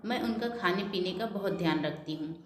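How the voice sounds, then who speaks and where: A woman's voice: on the low side, a little fast, slight background noise, natural voice. Woman doing a caring daughter, earnest and firm, echoey. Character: caring grown daughter, firm but polite.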